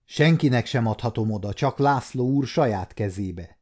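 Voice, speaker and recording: A man's voice: mid-range voice, lively intonation, darkish tone, lightly acted. An adult man voicing an old, anxious, talkative male servant who pleads fearfully.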